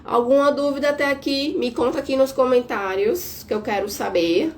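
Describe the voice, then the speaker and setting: Woman, therapist, didactic live talk, slightly loud, higher voice. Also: steady tone, normal speed, a little hiss or hum. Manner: speaking a little louder on purpose, didactic, tag questions. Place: at home, window shut, air conditioning on.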